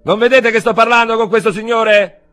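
A man voicing a brisk, emphatic painter. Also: a little high, very animated, fairly bright tone, dry recording, faint music behind, pitched above the performer's own voice. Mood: shouting. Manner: insistent, emphatic. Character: adult male painter, brisk and self-assured. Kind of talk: audiobook reading.

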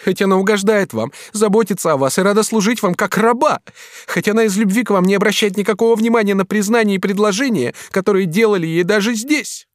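A man's voice: sits high, fast talker, dry recording, studio quality, pitched above the performer's own voice, natural voice. A man playing a proud, devoted young maidservant. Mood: pleading. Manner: emphatic, pleading, rising exclamations. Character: young woman servant, devoted, proud, quick-tempered. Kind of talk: audiobook character reading.

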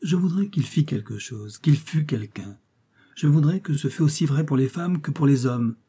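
A man's voice: fairly high pitch, expressive, moderate pace, mellow, breathy edge, voice pushed up. A man reading the part of a proud, idealistic young Russian princess, speaking in impassioned, defiant speeches.

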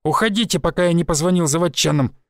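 In a dry, clean studio recording, a man uses a high voice pitched above his own to play a nervous middle-aged pawnbroker. At a moderate pace, the irritated character squeals and pleads in panic.

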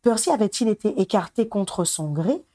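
A woman reading a storybook aloud in an even, measured way. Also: mid-range voice, no echo, clean studio sound. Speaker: audiobook reader. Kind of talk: storybook narration.

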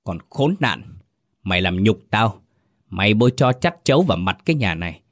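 A man's voice: fairly low pitch, big pitch swings, moderate pace, dry recording, studio quality. A man voicing a furious, humiliated old father who hurls insults and orders at his household. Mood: raging. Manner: raging, shouting insults. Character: furious older father, proud and violent.

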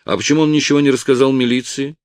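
A man's voice: medium pitch, steady tone, very fast, a little mellow, no room sound, pitched above the performer's own voice, natural voice. A man voicing a suspicious, officious hospital nurse who questions and orders curtly. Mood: interrogating. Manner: curt, interrogating.

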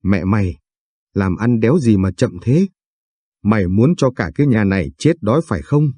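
A man's voice: on the low side, animated, normal speed, husky, no echo. A man voicing a cruel, foul-mouthed older mother-in-law who scolds and curses in a storybook tale. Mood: scolding. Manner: shouting, abusive, vulgar scolding.

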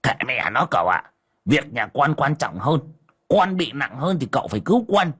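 A man's voice: fairly high pitch, animated, slow, gravelly, pushed and bright, husky, voice pushed up, heavily acted. A man voicing a panicky older village man who whines and chatters. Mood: fussing. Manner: whiny, chattering.

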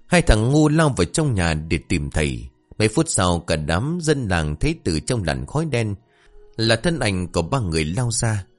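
A man tells a comic folk tale with animated, expressive delivery. His voice sits low but swings widely in pitch as he narrates. Faint music plays behind him. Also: normal speed. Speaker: storyteller.

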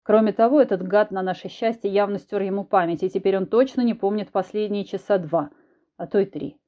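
A woman's voice: mid-range voice, fairly quick, mellow, dull audio, close to an everyday voice. A woman voicing a blunt, commanding man who was once a cat, in an audiobook. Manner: curt, commanding.

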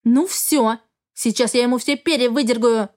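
Fields: Voice: a woman playing a sharp-tongued young heroine. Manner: sarcastic. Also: a little high, normal speed, lightly acted. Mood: exasperated. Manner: sarcastic, tart retorts.

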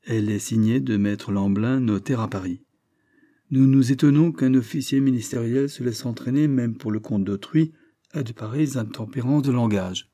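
Dark-voiced male audiobook narrator. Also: medium pitch, normal speed. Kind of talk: scripted narration.

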